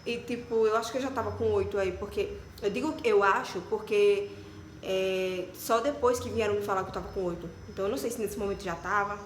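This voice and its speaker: A woman's voice: mid-range voice, brisk, a little hiss or hum. A young Brazilian woman tells a personal story casually, chatting animatedly and filling her speech with little asides. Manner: chatty and animated, many fillers like "tipo" and "né". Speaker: vlogger. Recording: echoey room with faint ambience.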